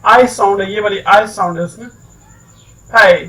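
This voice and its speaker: A man teaches English in a recorded online lecture, his voice sitting on the high side. He sounds set back from the microphone. He explains patiently and keeps mixing English phrases into his talk. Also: fast, fairly bright tone, far from the mic, low-quality recording. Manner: explains step by step, keeps saying "ठीक है".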